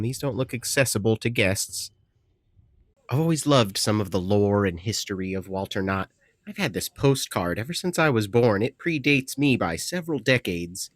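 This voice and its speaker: A man's voice: medium pitch, dry recording. A young man hosting a casual travel vlog, talking in a loose, chatty way and getting openly impressed by the sights. His voice sounds dry and close, with little room around it. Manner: relaxed, chatty, easily impressed. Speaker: travel vlogger. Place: desert campsite and caves outdoors.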